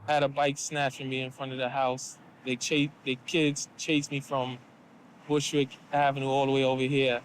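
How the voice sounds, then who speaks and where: A man briskly tells a story in an interview. His pitch stays flat, and there is faint background noise. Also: poor audio. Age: 20s. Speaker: interviewee, local resident. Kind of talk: documentary interview.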